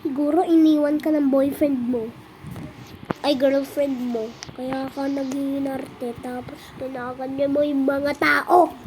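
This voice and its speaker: A gameplay streamer giving casual, excitable commentary with teasing chatter and frequent exclamations. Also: high-pitched, slow, a little hiss or hum, rough recording.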